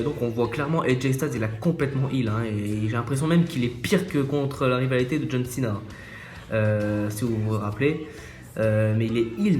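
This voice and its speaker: A man casually recapping a wrestling show, hesitant, with many fillers and restarts, recorded on a phone. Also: medium pitch. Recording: echoey room, faint music.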